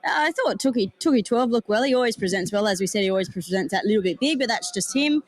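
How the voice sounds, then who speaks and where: A man co-hosting a horse racing broadcast, giving upbeat, quick picks and banter. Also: high-pitched, animated. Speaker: racing analyst.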